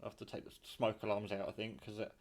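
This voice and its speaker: Talking fast in a monotone, a British man with a fairly low voice shows his homemade radio from his kitchen. His delivery is casual, rambling and unscripted, with the odd mild swear, as a hobbyist addressing viewers.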